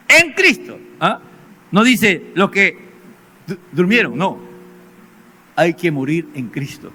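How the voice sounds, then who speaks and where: A pastor preaching a sermon at a church service, emphatic and speaking straight to the congregation with rhetorical questions. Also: male voice, high voice, bright, forceful tone, a little hiss or hum. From Peru.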